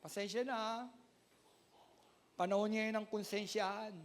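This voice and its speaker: A man preaching a sermon as pastor, loud and near shouting, calling out to the congregation for amens. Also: flat delivery, normal speed, slight background noise. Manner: loud, often sounds like shouting; acts out quoted voices with big pitch jumps.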